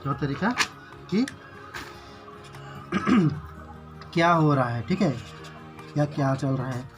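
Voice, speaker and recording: A man teaching basic English grammar in Hindi, explaining each example slowly and repeating "ठीक है" after each one. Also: fairly high pitch, animated, soft background music.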